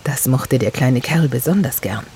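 A woman reading a children's story aloud in an expressive, melodic way. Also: very deep voice, normal speed, a little hiss or hum. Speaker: narrator. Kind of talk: storybook narration.

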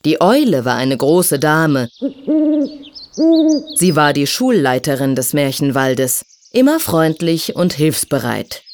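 Low-voiced woman reading a children's story. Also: slight background noise. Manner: expressive, sing-song storytelling.

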